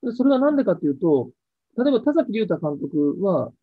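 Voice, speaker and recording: Fields: Sex: man. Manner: lively, animated storyteller. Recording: dry, tinny, phone-like. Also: sits high, brisk, breathy edge, no room sound. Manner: lively storyteller acting out quoted lines. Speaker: actor interviewed about a past role. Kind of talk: animated interview chat.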